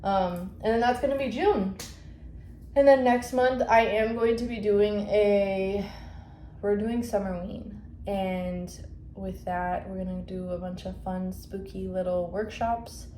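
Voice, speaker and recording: A woman's voice: medium pitch, fairly even intonation, unhurried, warm tone. A woman chatting casually in a vlog about her shop, rambling with lots of fillers and self-corrections. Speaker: shop owner vlogger. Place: indoors at home, upstairs. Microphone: phone or camera mic. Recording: echoey room, faint background noise.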